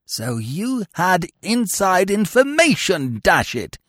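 Male reader plays an excitable young gentleman, high and agitated. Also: slow, no room sound, clean studio sound, heavily acted. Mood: agitated, sulky.

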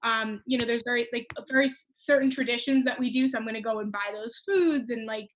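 Give me a woman on a podcast with a slightly high voice. She talks openly in a loose, chatty way, full of small fillers. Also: brisk, fairly bright tone. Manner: open, chatty, many "like" fillers. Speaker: podcast co-host. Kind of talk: casual chat.

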